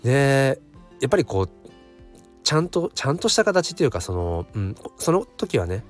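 A man with a hoarse voice hosts a casual solo audio channel, thinking aloud in a hesitant way. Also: medium pitch, sing-song, normal speed, faint music behind. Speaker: host of a daily audio channel.

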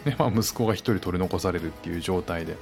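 A man in his thirties, a stay-at-home dad, hosting a casual podcast alone at a close mic and reflecting gently on parenting, with lots of fillers. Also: deep voice, racing, gravelly, soft background music. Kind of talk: casual spoken-word podcast monologue.

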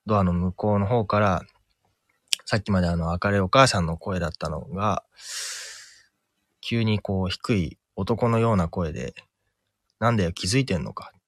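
Man, fairly low voice, dry close sound, slow suspenseful ghost-story telling, dramatic pauses. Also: dry recording. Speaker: podcast co-host. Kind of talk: telling an invented ghost story, then casual chat.

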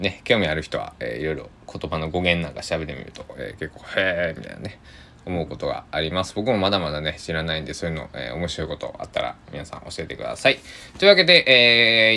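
A man's voice: low-pitched, vocal fry, bright, forceful tone, a little hiss or hum. A man hosting a solo podcast, talking in a rambling, hesitant, chatty way with a trace of Tosa dialect. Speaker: podcast host.

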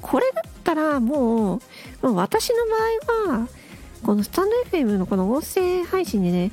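A woman with a high-pitched, very animated voice and a darkish tone speaks at a moderate pace, close to the mic, with faint music behind her. She hosts an unscripted solo audio show, murmuring casually as though to herself.

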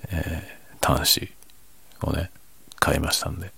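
A man chatting casually and quietly late at night, half whispering as if others in the house are asleep. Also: extremely low pitch, steady tone, slow pace, creaky, husky, no room sound. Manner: speaks quietly, half whispering, so as not to wake sleeping family. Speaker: host of a late-night audio chat. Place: at home at night. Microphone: microphone without windscreen, slightly backed away.

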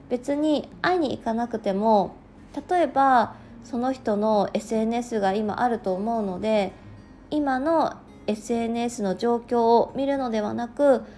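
Slight background noise sits behind this thirty-something woman from regional Japan, a working mother hosting her own casual podcast. Her fairly high voice is soft and reflective, with lots of fillers and a somewhat sleepy, slow delivery.

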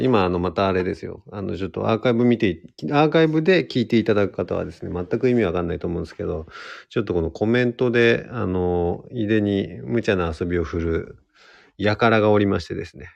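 A man's voice: lowish voice, vocal fry, darkish tone, muffled recording. A young man hosting a casual solo livestream radio show, chatty and self-deprecating as he answers listener comments. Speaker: radio host.

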